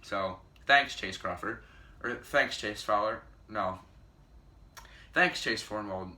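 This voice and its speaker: A man's voice: lowish voice, slow, sharp tone. A teenage boy telling a storytime vlog, rambling with many restarts and self-corrections. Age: teens. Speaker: vlogger.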